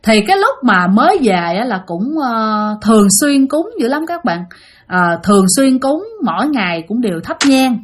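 A woman with a Southern Vietnamese accent telling a ghost story, talking straight to her listeners in an animated way. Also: fairly high pitch, normal speed. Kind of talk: spoken ghost story narration.

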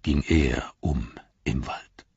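A man voicing an ancient, wise wizard who speaks in a grave, measured, riddling way in an audiobook reading. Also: very deep voice, animated, husky, dry recording, muffled recording, heavily acted. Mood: incanting.

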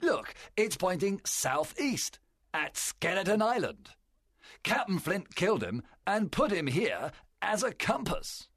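A man voicing a cunning one-legged pirate leader in a storybook reading, forceful and domineering. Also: high voice, sing-song, slow pace, slightly rough, voice pushed up, heavily acted. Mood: commanding.

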